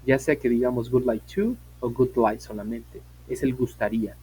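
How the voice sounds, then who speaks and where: A man's voice: medium pitch, steady tone, moderate pace, darkish tone, a little hiss or hum, rough recording. A man, teaching an online English class, explaining patiently, repeating points and asking his students questions.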